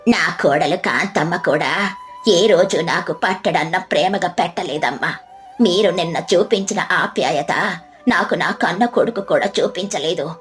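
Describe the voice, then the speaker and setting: A woman doing a gentle elderly mother. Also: on the low side, measured pace, soft background music, voice pushed down. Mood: sorrowful.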